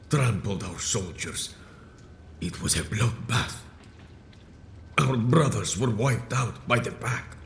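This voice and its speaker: Very deep, echoey wounded vampire elder. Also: male voice, fairly bright tone, heavily acted. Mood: anguished, bitter. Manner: slow, grave, theatrical, archaic formal phrasing. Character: wounded, aged male vampire sect leader, grandiose, bitter. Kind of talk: dramatic video game voice acting. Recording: echoey room with faint noise.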